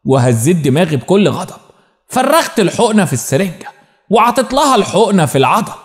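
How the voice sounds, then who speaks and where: A man's voice: sits high, sing-song, quick pace. A man with an Egyptian accent narrating a dramatic story in the first person. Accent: Egyptian Arabic. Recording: long reverb.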